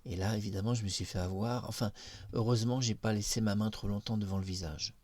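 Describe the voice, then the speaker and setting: Hesitant, enthusiastic man, low voice. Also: fairly even intonation, quick pace, a little mellow, no room sound. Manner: enthusiastic, explanatory, many hesitations. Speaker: video creator demonstrating a face mask software. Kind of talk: casual commentary to camera. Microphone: own microphone near the face.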